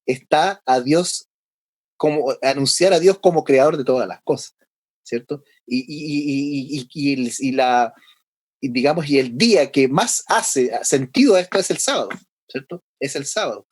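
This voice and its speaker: A male pastor giving a conversational Bible lesson, often pausing for tag questions and restarting his sentences. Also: mid-range voice, a little mellow, no room sound. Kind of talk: sermon.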